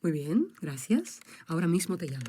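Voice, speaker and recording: A mellow, businesslike receptionist. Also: female voice, lowish voice, big pitch swings, moderate pace, slightly rough. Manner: short, businesslike questions. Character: calm female receptionist. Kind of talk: scripted textbook audio dialogue.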